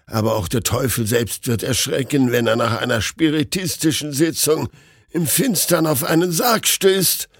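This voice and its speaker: A man's voice: medium pitch, moderate pace, slightly rough, no room sound, clean studio sound, pitched above the performer's own voice. A man voicing a terrified young male doctor who gasps and pleads in panic. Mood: panicked.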